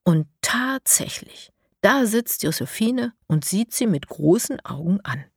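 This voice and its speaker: A woman narrating a children's audiobook in a calm, measured way. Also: mid-range voice, slightly rough, no room sound, clean studio sound.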